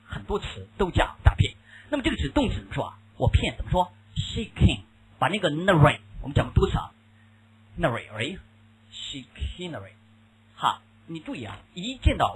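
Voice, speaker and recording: A man with a Mandarin Chinese accent lectures a class on English vocabulary, switching between Chinese and English. His voice is husky and a bit high, and it swings widely in pitch as he keeps firing questions at his students. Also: poor audio. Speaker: English teacher.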